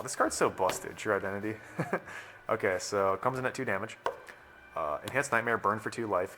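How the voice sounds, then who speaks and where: A young man casually demoing a card game deck, talking fast and loose with lots of fillers, laughing and swearing. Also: lowish voice. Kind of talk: casual gameplay demo.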